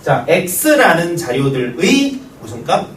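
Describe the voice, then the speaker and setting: Lively joking man teaching a class. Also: fairly high pitch, drawn-out words, slight background noise. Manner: joking banter with students, storytelling. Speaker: math teacher. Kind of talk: classroom lecture. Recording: roomy classroom echo, distant mic.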